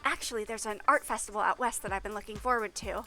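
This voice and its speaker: A weary doctor dodging questions, read by a woman in a bright, dry tone. The delivery stays close to an everyday voice, with faint music behind. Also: medium pitch, fast.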